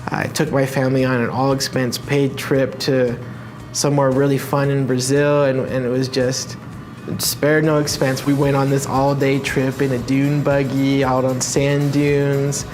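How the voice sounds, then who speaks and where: A man tells his story in a steady, earnest way. He speaks at a medium pitch with faint music underneath. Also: unhurried. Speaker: customer testimonial. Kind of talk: calm testimonial.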